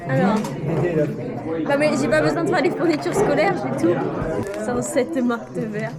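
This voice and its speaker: A woman's voice: high voice, animated, moderate pace, a loud crowd. A woman of twenty chatting casually and rambling in a bubbly way as she films her own vlog. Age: 20s. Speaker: vlogger.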